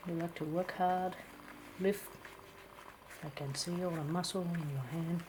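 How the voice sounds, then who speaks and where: A woman playing a blunt, teasing palm reader in an ASMR role-play, with a Singaporean or Malaysian English accent, clipped grammar and deadpan, musing delivery. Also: on the low side, unhurried, close to an everyday voice. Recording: clear steady background noise.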